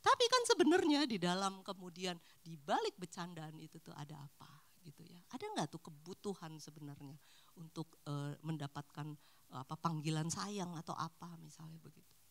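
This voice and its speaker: A woman's voice: on the low side, moderate pace. A middle-aged woman counselor talking casually to a church couples' group, acting out short everyday dialogues as she goes. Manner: animated, acts out little dialogues. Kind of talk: casual talk.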